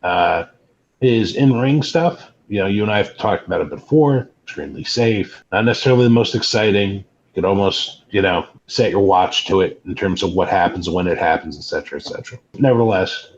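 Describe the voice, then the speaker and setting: A man with a fairly low voice gives measured, casual wrestling commentary as a podcast co-host. He talks in a discursive, analytical way. The recording is muffled, with noticeable noise behind him. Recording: muffled lo-fi, clearly noisy background.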